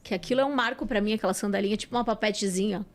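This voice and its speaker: A woman with a Santos Brazilian accent, a podcast guest and psychologist, telling a personal story in an animated way. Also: medium pitch, rapid-fire. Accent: Brazilian Portuguese, Santos. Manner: animated, acts out quoted dialogue. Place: podcast studio.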